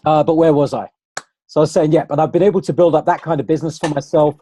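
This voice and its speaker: A man's voice: on the high side, steady tone, quick pace, warm tone, husky. A man hosting an online webinar in a casual, conversational way, talking straight to viewers over a computer microphone. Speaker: webinar host.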